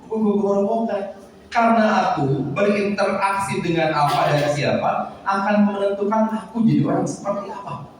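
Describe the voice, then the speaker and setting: A man's voice: sits high, normal speed, recorded from a distance, slight background noise. Man with a Sundanese accent in an echoey hall. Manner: jokey, quizzes the audience, slips into Sundanese phrases. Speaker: parenting seminar speaker. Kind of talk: lively seminar talk to parents. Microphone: handheld microphone. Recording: echoey hall, voice picked up from afar.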